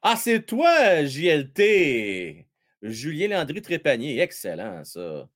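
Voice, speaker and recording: A man with a Quebec French accent hosting a live hockey stream, commenting on the game and chatting with viewers in a slangy, excitable way. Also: slow. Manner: excitable, chatty, slangy, swings between shouting and low asides. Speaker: hockey livestream host.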